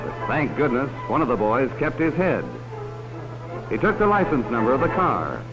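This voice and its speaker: A lightly acted, sing-song, mid-range male voice speaks at a moderate pace over music. As the cautionary narrator of a 1950s educational film, he talks directly to children in a folksy way, using leading questions to warn them about strangers. The recording is dull and hissy, typical of a 1950s film.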